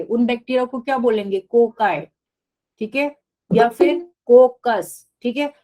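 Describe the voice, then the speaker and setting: Woman teacher doing a live bio class online, kinda high voice, keeps asking the kids if they got it. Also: a little mellow. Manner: repetitive, checks in with students often. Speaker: biology teacher.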